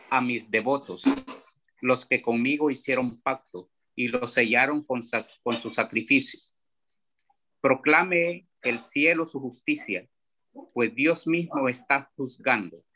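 A man reading a psalm aloud during a church evening service, slow and solemn. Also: medium pitch, sharp tone. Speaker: psalm reader.

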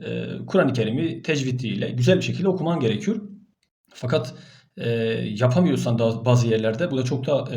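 A man's voice: mid-range voice, darkish tone. Man patiently drilling Arabic letters. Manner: patient, repetitive, drills each sound aloud. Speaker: Quran recitation teacher. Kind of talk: teaching Arabic letters and pronunciation.

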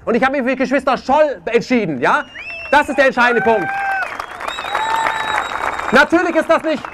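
Speaking at a moderate pace in a very high, expressive voice, a man delivers an impassioned protest at an outdoor peace rally. He stresses his points and keeps tacking "ja?" onto them as a crowd sounds faintly nearby.

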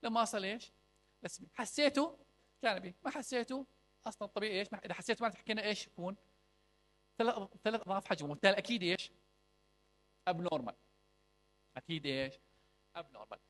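A man's voice: high voice, expressive, very fast, a bit bright. A young man teaching a clinical medicine class, quizzing students with rhetorical questions and mixing in English medical terms. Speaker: medical lecturer.

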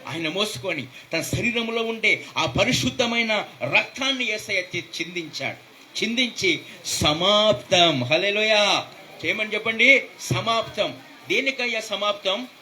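A man's voice: high voice, lively intonation, normal speed, sharp tone, a little hiss or hum. A man preaching a fervent sermon as pastor, calling out hallelujahs throughout.

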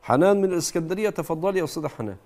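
A middle-aged man with an Egyptian accent who hosts a show and gently corrects callers' Quran recitation, demonstrating words slowly. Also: fairly high pitch, lively intonation. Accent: Egyptian Arabic. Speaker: Quran recitation teacher and host.

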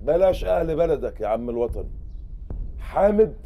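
A man's voice: fairly high pitch, sing-song, normal speed, warm tone. An actor playing an arrogant, cruel general who mocks his prisoner. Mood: mocking. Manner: mocking, imperious. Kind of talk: Egyptian TV drama acting.

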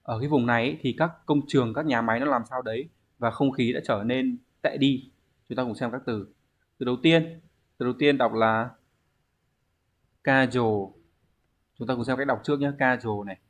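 A man's voice: mid-range voice, normal speed, lo-fi sound. Man teaching an exam review. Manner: explanatory, asks and answers own questions. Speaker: Japanese language teacher.

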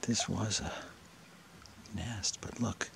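Out on a lake near a rocky shore, a man in a kayak hunts for a lake monster, speaking slowly in a very low, gravelly voice. His casual first-person narration is excited, with frequent whispered asides. Outdoor camera audio captures water and paddling sounds.

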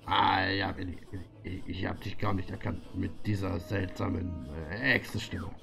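A man voicing a grumpy, jumpy video game pirate captain in a low, muttering growl with halting, blustering delivery. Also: steady tone, gravelly, over music. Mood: flustered.

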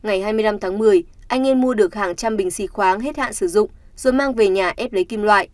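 A woman reading a scripted news report in a steady, somber tone. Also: mid-range voice, quick pace, no room sound. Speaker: news narrator.

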